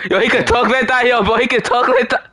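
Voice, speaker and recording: A young man on a headset in casual gaming chat, loud and teasing, repeating lines and shouting. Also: very high voice, steady tone, fast talker. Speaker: gamer in party chat.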